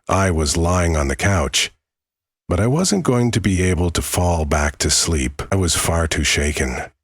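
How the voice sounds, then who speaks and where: A man with a low, husky voice narrates a horror story in the first person. He is measured and leaves dramatic pauses, and the sound is very dry. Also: no room sound.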